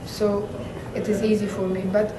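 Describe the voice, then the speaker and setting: A woman gives an interview and picks her words slowly, with many pauses and fillers. She sounds distant from the mic, and her voice rings in an echoey room with clear noise behind it. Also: mid-range voice, level tone. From Afghanistan. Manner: hesitant, many fillers, thoughtful. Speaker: interview guest.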